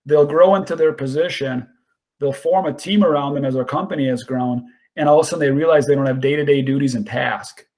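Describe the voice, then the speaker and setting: A man's voice: medium pitch, fairly quick, darkish tone. A man hosting a podcast, talking in an earnest, casual way with frequent restarts and repeated words. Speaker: podcast host.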